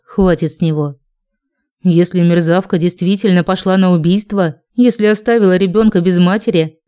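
A woman narrating an audiobook in a measured, expressive manner. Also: medium pitch.

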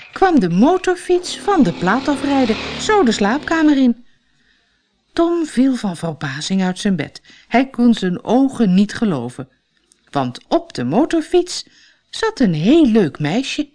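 Slow, expressive woman reading a story. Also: fairly high pitch, slight background noise. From Netherlands. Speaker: storybook reader. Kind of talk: children's audiobook narration.

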